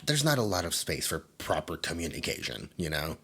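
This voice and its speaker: In an ASMR roleplay, a performer voices a nerdy, easily flustered immortal demon, stammering and theatrical, swinging from soft musing to panicked outbursts. The mood is wistful and soft. The voice is deep and husky, a little fast, with big pitch swings and a heavily acted delivery.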